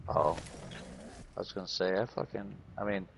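A man's voice: low voice, steady tone, normal speed, creaky, muffled recording, slight background noise. A man hosting a hunting channel, chatting casually outdoors at dusk, rambling and cussing, with a lot of stumbling restarts. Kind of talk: casual chat while hunting.

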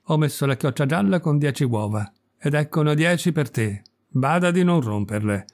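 A man reading a story aloud, voicing a bossy, furious old peasant wife in a shrill, scolding voice. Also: expressive, normal speed, darkish tone.

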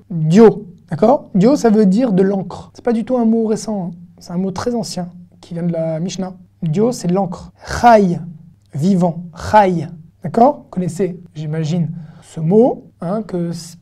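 Woman teaching hebrew online, very dark mellow voice, chatty, says each syllable slow and clear. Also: mid-range voice. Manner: patient, chatty, repeats syllables slowly and clearly. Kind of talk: online language lesson.

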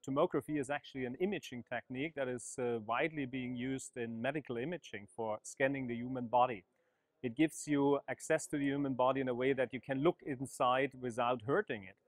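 Middle-aged man, interview explainer, steady mid pitch, dry lapel sound. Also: no echo. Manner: measured, explanatory, frequent uh fillers. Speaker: project coordinator. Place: large bright indoor hall.

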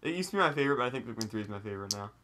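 A young man giving casual, excitable, joking commentary as he hosts a game playthrough. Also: on the low side, racing. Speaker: let's play host.

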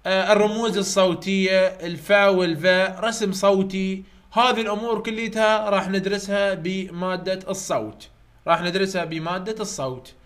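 Man, Iraqi Arabic accent, tutor, high voice, live online lesson, repeats himself, talks to students. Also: fairly even intonation, a little fast, fairly bright tone. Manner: repetitive, chatty teaching, addresses students directly. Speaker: English phonetics tutor.

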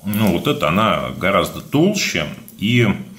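Low-voiced man with burred r's. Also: sing-song, normal speed, fairly bright tone. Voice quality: burred, defective r sound. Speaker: unboxing video blogger. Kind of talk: casual product review monologue. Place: indoors, at a table, hands-only shot.

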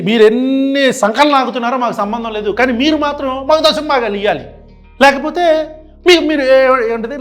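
A man with a very high voice gives reaction commentary full of indignation. He piles up sarcastic rhetorical questions. Faint music plays in the background. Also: a bit bright.

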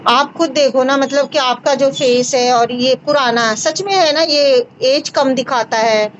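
A woman in her thirties hosting a casual video call chat, reassuring and warm in manner, blessing her guest with pious phrases. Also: high voice, steady tone, a little slow, a little hiss or hum. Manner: warm, reassuring, says mashallah. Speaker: host of a home remedy channel. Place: small room indoors. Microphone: video call on phone. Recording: dull lo-fi video call audio.

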